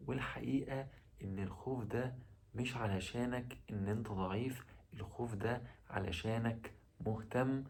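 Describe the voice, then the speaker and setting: A man's voice: lowish voice, vocal fry, darkish tone, slightly rough. A man with an Egyptian Arabic accent giving casual dating advice straight to the viewer, asking rhetorical questions as he goes. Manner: direct, addresses the listener, rhetorical questions.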